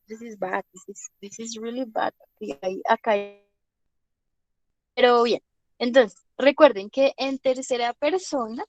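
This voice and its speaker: A young woman teacher walks through grammar step by step, her voice sitting fairly high. She keeps pausing to check that everyone is following. The sound is close and dry, with no room echo. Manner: patient and explanatory, often checking in with "¿listo?". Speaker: English teacher. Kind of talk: explaining grammar in a class lecture.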